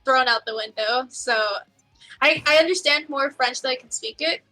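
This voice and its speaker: A woman's voice: sits high, moderate pace, pushed and bright, soft background music. A woman guest on a casual talk show, giggly and teasing as she chats.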